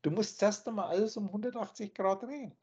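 A man's voice: high-pitched, a little fast, darkish tone, breathy edge. A man teaching in an emphatic, scornful lecturing manner, speaking over a video call. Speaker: spiritual teacher. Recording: dull lo-fi online call audio.

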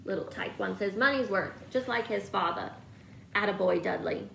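A woman reading as a gruff, blustering uncle. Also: mid-range voice, moderate pace, a bit bright, reverberant, distant mic, a little hiss or hum, rough recording. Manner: gruff and threatening. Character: blustering bossy man, a stern uncle.

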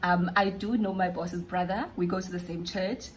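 A woman's voice: fairly low pitch, fairly even intonation, normal speed, low-quality recording. A South African woman vlogging casually at home, chatty and fond of repeating words for emphasis. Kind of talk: casual vlog chat.

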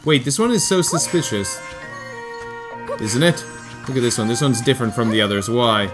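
Game music plays clearly behind a man commenting casually on his playthrough. His voice sits at a middle pitch. He is chatty, thinks aloud and tends to repeat phrases to himself as he works things out. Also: animated, moderate pace. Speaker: video game streamer doing a playthrough. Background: video game music.

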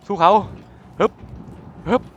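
A young man giving excitable, joking commentary while playing a video game. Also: slow, lo-fi sound, slight background noise. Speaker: gaming streamer.

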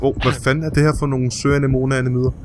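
A man hosting a co-op game session, commentating excitedly, swearing and yelping whenever something startles him. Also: medium pitch, background noise. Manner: jumpy, swears and yelps when startled. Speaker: let's play host.

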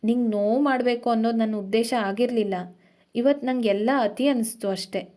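A woman plays a worn-out young fiancé in an audio story, his voice sitting a little high as he hurries through his words. He is defensive at first, then gentle and sorry. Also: fairly even intonation, fairly quick, natural voice. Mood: tender. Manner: defensive, then softly apologetic. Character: weary young man, tender fiancé.

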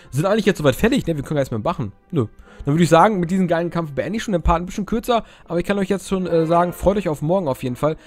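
A man's voice: fairly high pitch, darkish tone. A young man giving casual, rambling gameplay commentary, cracking crude jokes and interrupting himself. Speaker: Let's Play host.

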